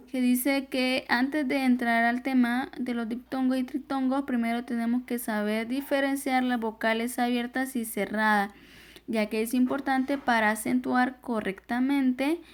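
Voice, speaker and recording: A woman with a Honduran Spanish accent, teaching a recorded grammar lesson as a voice-over on slides, patiently explaining step by step. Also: a little high.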